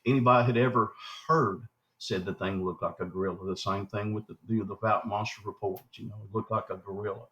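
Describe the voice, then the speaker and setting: A man's voice: on the low side, fairly even intonation, brisk, a bit bright. A man, telling long folksy stories in an interview. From southwestern Arkansas. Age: 60s. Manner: folksy, acts out quoted dialogue. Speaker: guest, Bigfoot researcher. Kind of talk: rambling storytelling interview. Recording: dull lo-fi recording.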